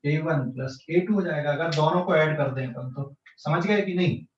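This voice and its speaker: A man's voice: on the high side, moderate pace, a little hiss or hum. A man teaching physics in an online class, explaining step by step and checking often whether students follow, with a central Indian accent. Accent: Hindi-English mixed speech, central Indian. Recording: echoey distant lo-fi online class.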